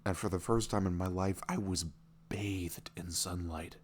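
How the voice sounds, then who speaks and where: Speaking as a vulnerable, smitten young neurodivergent boyfriend meeting someone he loves online, this male ASMR roleplay performer keeps a steady tone in a low, creaky voice that often sinks to a whisper. The mood is tender and reflective, his delivery halting and musing with soft chuckles and frequent "you know." There is slight background noise.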